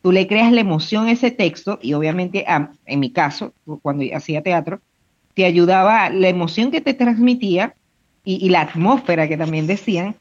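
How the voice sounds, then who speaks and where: Expressive woman co-host with a lower voice, muffled lo-fi sound. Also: moderate pace. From Venezuela. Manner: expressive, thinks aloud. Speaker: podcast co-host, trained actress. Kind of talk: casual podcast chat. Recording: dull lo-fi audio.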